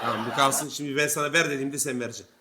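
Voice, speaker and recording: A man's voice: mid-range voice, fairly even intonation, rapid-fire, reverberant, noisy background. A man streaming and reacting to clips, joking loosely, cursing and talking straight to his chat. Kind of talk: casual reaction commentary.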